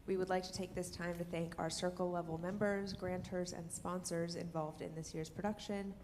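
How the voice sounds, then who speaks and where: A woman's voice: lowish voice, level tone, moderate pace, a little mellow. A woman, the venue manager, delivering polite housekeeping announcements. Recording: hall reverb, faint room noise.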